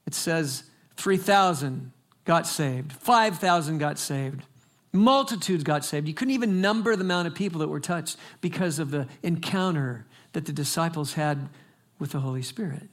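A man's voice: a little high, moderate pace, a bit bright. An older man preaching a sermon in a church service, telling stories emphatically and dramatically, with big swings in volume and pace. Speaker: pastor.

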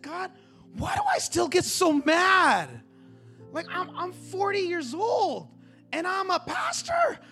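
A man in his forties, a pastor preaching a sermon in a repeating, rising cadence that climbs toward shouting. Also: extremely high pitch. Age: 40s. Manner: builds to near-shouting, repetitive preaching cadence.

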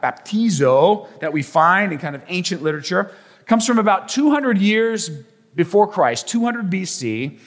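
A man preaches from the pulpit with a high, lively voice that rises and falls as he teaches. He tells stories and drops playful asides to the congregation. The recording carries the long reverb of a church sanctuary. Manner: animated storytelling with playful asides. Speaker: pastor. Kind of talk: sermon.

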